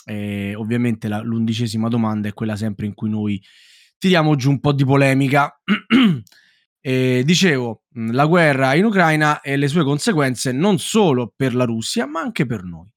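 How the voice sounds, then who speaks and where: A middle-aged Italian man hosts a casual, joking quiz about board games. His delivery is teasing and a little theatrical, in a medium-pitched voice with a close, dry sound. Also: animated, normal speed, no echo. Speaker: quiz show host. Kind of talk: casual, jokey board game quiz talk.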